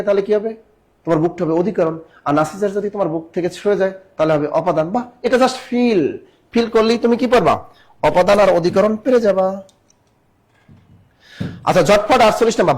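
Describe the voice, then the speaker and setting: A man teaching a live online exam-prep class, quizzing students and repeating questions while urging quick answers. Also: high voice.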